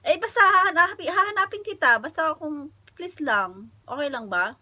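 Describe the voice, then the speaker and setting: Bright, giggly Filipino woman vlogger. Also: high-pitched, expressive, normal speed, no room sound. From Philippines. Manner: giggly, laughs often between lines; chatty, addresses viewers directly. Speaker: vlogger making prank calls. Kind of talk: casual chat. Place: home flat.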